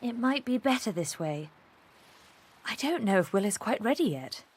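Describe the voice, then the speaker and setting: An actress playing a tactful, considerate young lady with a polite, careful manner, in animated period drama. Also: fairly high pitch, normal speed, husky. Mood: gently reassuring.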